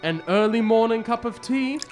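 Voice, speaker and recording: A man playing a genial older English gentleman doctor who tells his tales in old-time radio drama style, avuncular and hesitant. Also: very high voice, expressive, moderate pace. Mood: reminiscing. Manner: avuncular, chuckling, hesitant delivery. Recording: music behind the voice.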